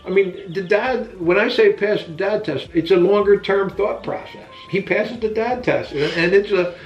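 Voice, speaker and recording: A man of sixty-eight, a father answering questions in a casual sit-down chat, earnest and halting with many restarts. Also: high-pitched, steady tone, soft background music. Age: 60s. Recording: echoey, distant, dull room sound.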